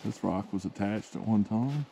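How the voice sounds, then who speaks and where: A man's voice: lowish voice, moderate pace, creaky, dark tone, slight background noise. A man narrating a hike outdoors in a forest in a laid-back, casual way, chuckling often. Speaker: hiking vlogger. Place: outdoors in a forest among boulders.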